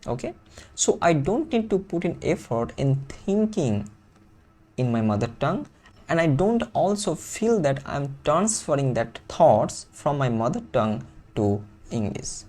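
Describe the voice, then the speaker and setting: A native Bengali speaker with a Bengali accent coaches viewers on English fluency in an earnest teaching monologue, repeating key phrases for emphasis. His voice is fairly high, sing-song, unhurried, and a little mellow.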